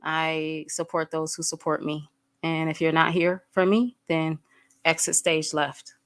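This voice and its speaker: A livestream host in her thirties speaks at a measured pace in a low-pitched, slightly bright voice with a level tone. Blunt, profane, and fired up, she fills her speech with fillers and talks directly to her chat, saying hello to viewers by name.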